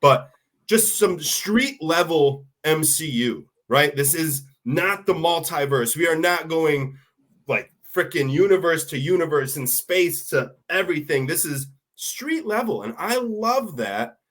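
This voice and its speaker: A man's voice: a little high, lively intonation, unhurried, fairly bright tone. A man hosting a casual podcast chat while sick, his voice nasal, talking in an upbeat, rambling way. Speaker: podcast host.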